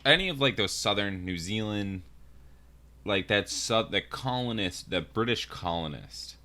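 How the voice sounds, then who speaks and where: A man's voice: lowish voice, animated, measured pace, pushed and bright. A young American man in casual podcast chat, rambling and swearing freely as he tells stories. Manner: loose, profane, rambling storyteller. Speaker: podcast co-host.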